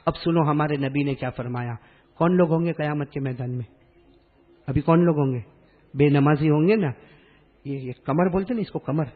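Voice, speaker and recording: A male preacher giving a sermon to a live gathering, calling out for the crowd to repeat after him and chanting verses slowly, moving between hushed talk and loud calls. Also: on the high side, phone-quality sound. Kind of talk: sermon with call-and-response.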